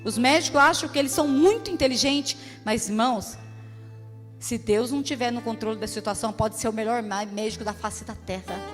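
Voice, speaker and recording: A woman's voice: on the high side, fairly quick. A Brazilian woman missionary giving an emotional, emphatic church testimony, speaking straight to the congregation. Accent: Brazilian Portuguese. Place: church hall. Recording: echoey church hall with soft music.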